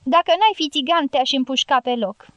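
A woman's voice: sits high, dry recording, highs cut off. A woman reading an audiobook voices a stern young male fighter who speaks curtly. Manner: curt, sharp questions.

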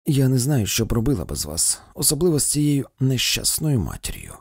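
A man reading a story, voicing an anxious society lady who speaks softly and tearfully. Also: mid-range voice, big pitch swings, brisk, creaky, husky, no room sound, studio quality, heavily acted. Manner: soft, tearful and fluttery.

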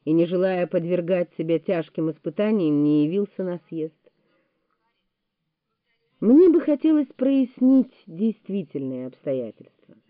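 A woman giving a measured, deliberate audiobook narration of a memoir. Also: mid-range voice, no echo. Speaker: audiobook reader. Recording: tinny phone-like, dry sound.

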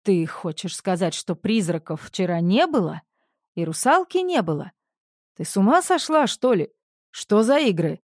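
A man's voice: big pitch swings, normal speed, no echo, studio quality. A woman voicing a hysterical, pompous middle-aged male producer who rants shrilly. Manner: shrill, panicky, ranting.

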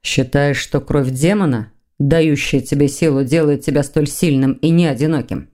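A woman voicing a dry, calm elder demon father. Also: low voice, natural voice. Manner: dry, mocking, measured. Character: older male demon, academy rector and calm father.

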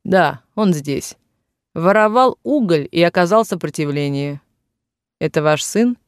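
A man reading the lines of a jail duty officer, in a brisk, matter-of-fact way, in a dry room. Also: on the high side, animated, no room sound. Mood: curt.

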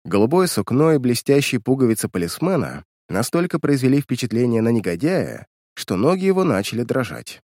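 A man narrating an audiobook in an expressive storytelling manner. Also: medium pitch, fairly quick, hardly any pauses, no room sound, clean studio sound. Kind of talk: scripted narration.

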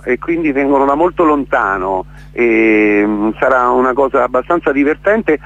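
On dull, lo-fi radio audio, a man with a slightly bright mid-range voice is interviewed as an event organiser. Emotionally worked up, he explains things impassioned and emphatic, repeating words for stress and checking in with "capito?".

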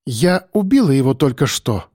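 Мужчина озвучивает хладнокровную насмешливую женщину-убийцу, говорящую спокойно и ледяным тоном. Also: female voice, a bass voice, normal speed, breathy edge, no echo, studio quality, exaggerated voice. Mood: icy. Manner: calm, icy, mocking. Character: cold, mocking female killer.

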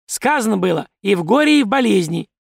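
A man voicing a loud, coarse, domineering peasant wife who scolds and bosses everyone. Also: big pitch swings, quick pace, vocal fry, no echo, studio quality, exaggerated voice. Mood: scolding. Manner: shrill, scolding, bossy.

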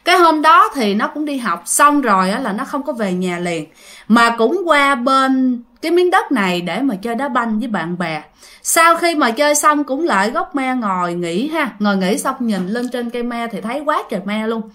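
A woman's voice: on the high side, sing-song, moderate pace, sharp tone. A woman narrating a ghost story in a chatty way, often speaking directly to her listeners.

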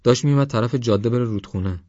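Guy putting on a fearless wild village kid, boastful, higher voice, dull dry audio. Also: no room sound, natural voice. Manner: playful, boastful, excitable. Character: reckless wild young villager fearless with snakes. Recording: dull dry studio recording.

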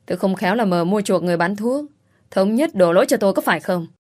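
A woman's voice: mid-range voice, lively intonation, fast talker, a little mellow, natural voice. A woman voicing a scheming young female servant who argues, pleads and screams curses. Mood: defiant.

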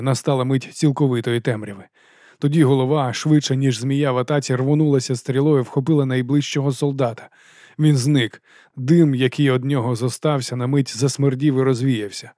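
A male narrator at a middle pitch tells a fantasy tale in the first person, in a measured, steady read. The recording is close and completely dry. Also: no room sound. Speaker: audiobook narrator.

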